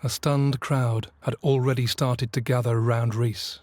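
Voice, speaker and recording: A man giving scripted documentary narration, measured and grave. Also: mid-range voice, level tone, darkish tone, dry recording. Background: music score.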